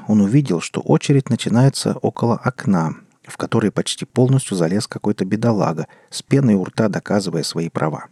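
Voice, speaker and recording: Male audiobook narrator, low voice, husky, dark and mellow, measured. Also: dry recording, studio quality. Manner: measured storytelling.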